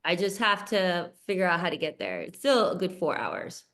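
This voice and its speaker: A woman from Venezuela, co-hosting a casual podcast chat, friendly and quick to laugh. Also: fairly low pitch, sing-song, fairly bright tone. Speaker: podcast co-host.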